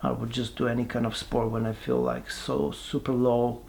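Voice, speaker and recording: A man, giving a halting, reflective personal testimony with many pauses and restarts. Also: mid-range voice, flat delivery, vocal fry, a little mellow, a little hiss or hum. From Bulgaria. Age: 40s. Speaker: person sharing his life story.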